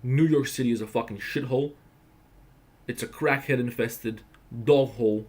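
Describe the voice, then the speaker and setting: Young male livestream host from Croatia, mid-range voice, blunt and profane, animated storyteller. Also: medium pitch, moderate pace. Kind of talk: casual livestream rant.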